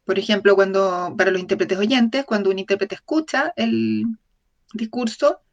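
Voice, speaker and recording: Recorded with lo-fi sound, a woman of medium pitch voices a lecture for an interpreter as part of an open talk series. She keeps a measured pace, repeatedly fixes her wording mid-phrase, and checks in with listeners through tag questions.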